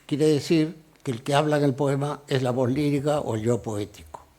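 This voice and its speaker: A man giving a measured university lecture on poetry, explaining meter and reading short verse examples slowly. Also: medium pitch, steady tone, dark tone. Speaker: lecturing poet. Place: lecture hall.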